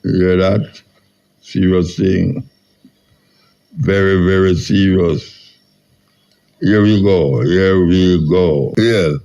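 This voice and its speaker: Low, mellow Jamaican man, Rasta-style radio host. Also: steady tone, slow pace, gravelly, pauses often, lo-fi sound. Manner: blunt, challenging, short questions. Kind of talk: casual Rastafarian-style Patois banter.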